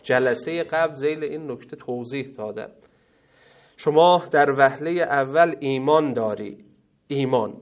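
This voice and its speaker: A man teaching seminary students in a religious ethics lecture, reciting Arabic sayings and explaining them, with loud stresses and quiet asides. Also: medium pitch.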